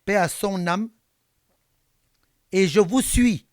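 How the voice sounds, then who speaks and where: A man's voice: high-pitched, slow pace, no room sound, studio quality. A man quoting an anonymous woman caller who pleads with him insistently at night. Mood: pleading.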